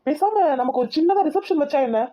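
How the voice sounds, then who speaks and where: A woman's voice: high-pitched, lively intonation, brisk, lo-fi sound, a little hiss or hum. A woman voicing a reassuring young married man in a Tamil cartoon. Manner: reassuring, eager.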